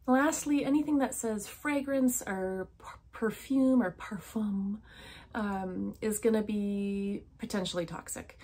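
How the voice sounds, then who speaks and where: A woman in her thirties talking straight to camera from a home office, earnestly advising parents with a steady, instructive manner and frequent ums. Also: medium pitch, slow pace. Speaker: health educator. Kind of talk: direct-to-camera educational talk. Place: home office with bookshelves, indoors.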